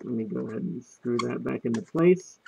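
A man's voice: medium pitch, normal speed, creaky, noisy background. A man talking from inside a gas mask that muffles his voice, giving a casual, matter-of-fact review of the mask. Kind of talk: casual product review video. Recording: dull, muffled sound through a mask.

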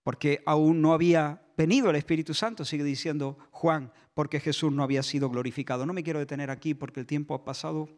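Impassioned high-voiced male preacher. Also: fairly even intonation, fast, hardly any pauses. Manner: impassioned, dramatic shifts from shouting to soft. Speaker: pastor. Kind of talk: sermon. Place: church.

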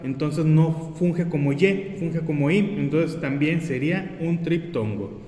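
A man's voice: on the high side, unhurried, warm tone, a little hiss or hum. A male teacher giving a spelling lesson, patiently repeating examples and checking in with "¿ok?" between points. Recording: echoey room with long reverb.

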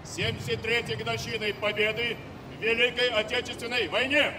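Senior male officer at podium microphones outdoors, declaiming a solemn parade speech over clear background noise. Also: very high voice, little pitch movement, fairly quick. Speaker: military commander giving parade address. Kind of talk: formal ceremonial speech. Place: outdoor city square. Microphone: bank of podium microphones. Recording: noisy outdoor public address.

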